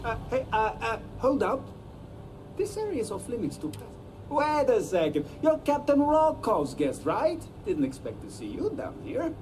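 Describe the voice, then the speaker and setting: An actor playing a flustered, apologetic ship security chief in a video game, hesitant and stammering politely. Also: male voice, very high voice, wildly swooping pitch, moderate pace, darkish tone, far from the mic, a little hiss or hum, full character voice. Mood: startled, hesitant.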